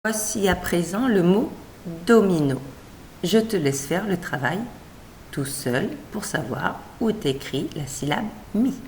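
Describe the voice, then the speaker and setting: A woman's voice: on the low side, lively intonation, a little slow, darkish tone, slight background noise. A woman teacher reading out a scripted reading lesson for young children, splitting words into careful syllables and encouraging the child.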